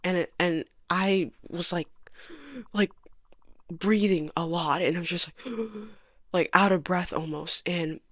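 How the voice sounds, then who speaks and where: A young woman telling her personal story in a soft, halting voice that often sinks to a near whisper. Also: lowish voice, expressive, no echo, studio quality. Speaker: vlogger giving a personal testimony.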